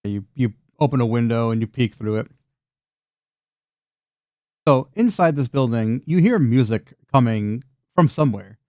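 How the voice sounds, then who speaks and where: A man hosts a tabletop roleplaying game in a casual, chatty way. His voice is dark and relaxed at a middling pitch, with a dry, close sound. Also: unhurried, long pauses, no echo. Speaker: game master and host.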